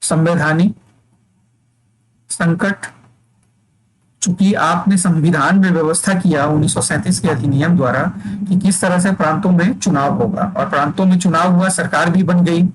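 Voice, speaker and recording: A male teacher with a somewhat high voice leads an exam-prep class. He dictates points slowly for notes and stops to check that his students are keeping up. His tone is explanatory and steady. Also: breathy edge, low-quality recording.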